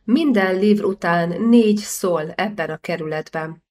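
A woman's voice: lowish voice, a little mellow, lightly acted. A woman reading the grudging lines of a shifty, flustered male tax official. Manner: grudging, sheepish.

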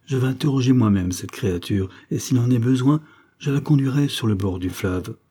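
A man voicing a stern old druid priest, speaking slowly and sonorously. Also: mid-range voice, dark tone, slightly rough, close to an everyday voice. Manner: slow, sonorous, impassive.

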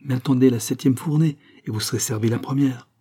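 A man's voice: mid-range voice, quick pace, dark tone, husky, pitched above the performer's own voice, close to an everyday voice. A man voicing a desperate male baker who begs to be saved. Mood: protesting. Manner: frantic, pleading. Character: desperate male baker begging for his life.

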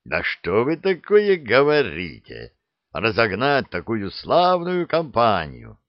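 A man's voice: mid-range voice, wildly swooping pitch, slow pace, dry recording. A man playing a suave, languid captain. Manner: smooth, languid, airy. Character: suave, carefree male captain. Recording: dull dry recording.

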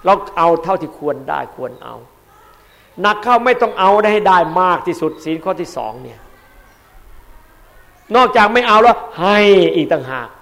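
A man, a Buddhist monk, giving a dharma sermon in an emphatic way, repeating key words and swinging between loud and soft. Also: high voice.

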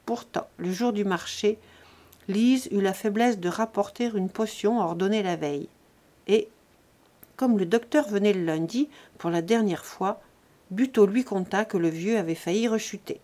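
A woman reading a novel aloud for an audiobook, with a steady, even delivery. Her voice sits at a middling pitch for a woman. The narration is clear and unhurried. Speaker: audiobook reader.

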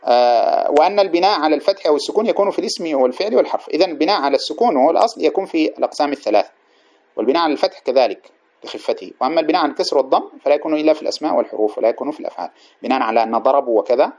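A man's voice: mid-range voice, a little mellow, highs cut off. A man teaching Arabic grammar from a classic text, explaining point by point, repeating examples and asking his class rhetorical questions. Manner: trails off and restarts words mid-phrase.

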